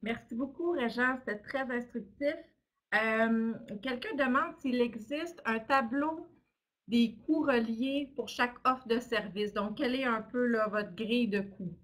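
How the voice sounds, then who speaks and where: A woman's voice: on the high side, a little slow. A woman moderating a webinar over a video call, politely relaying questions and introducing speakers, with some fillers.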